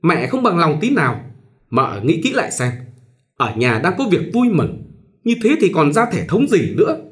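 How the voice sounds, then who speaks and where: A man's voice: a little high, wildly swooping pitch, moderate pace, a bit bright, pitched above the performer's own voice. A man voicing a domineering, superstitious old mother-in-law who scolds and lectures. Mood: scolding. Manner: scolding, bossy and pushy.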